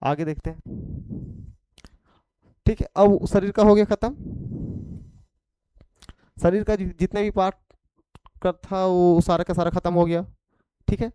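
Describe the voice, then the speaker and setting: A man's voice: sits high, level tone, measured pace, long pauses, dark tone, clear, resonant tone, no echo, poor audio. A man with a Khortha accent teaching an exam prep vocabulary lesson, repeating each point and checking in after it.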